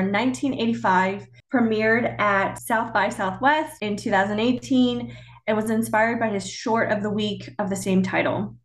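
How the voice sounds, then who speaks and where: A woman's voice: fairly high pitch, reverberant. A woman co-hosting a podcast, chatting casually with fillers and restarts. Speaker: podcast co-host.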